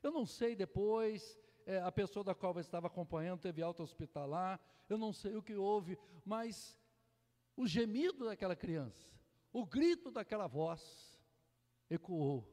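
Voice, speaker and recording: A male Brazilian pastor preaching a fervent sermon, full of hallelujahs, moving between loud exclamations and hushed storytelling. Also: high voice, animated, unhurried. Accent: Brazilian Portuguese. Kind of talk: Pentecostal sermon. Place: church sanctuary. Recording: long hall reverb in a church.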